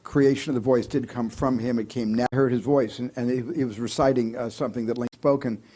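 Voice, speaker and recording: A man answering interview questions in a halting way, often repeating and restarting his words. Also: mid-range voice, steady tone, warm tone.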